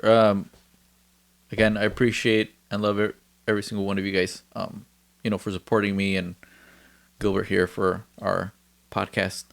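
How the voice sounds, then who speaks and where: Gravelly-voiced man hosting a casual podcast. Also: fairly low pitch, flat delivery, normal speed. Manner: laid-back, swears freely, jokey. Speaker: podcast host. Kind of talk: casual chat.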